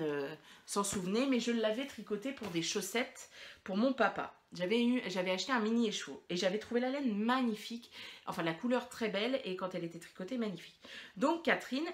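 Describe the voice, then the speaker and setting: A woman hosting a knitting podcast, chatting casually and rambling with many fillers and restarts. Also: mid-range voice. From France. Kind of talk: casual chat to camera.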